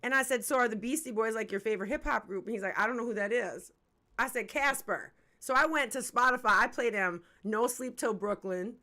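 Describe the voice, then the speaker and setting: A brisk, sharp-toned woman with a fairly high voice hosts a music review livestream. In her forties, she keeps the hip-hop interview casual, talking freely and openly in slang with plenty of swearing.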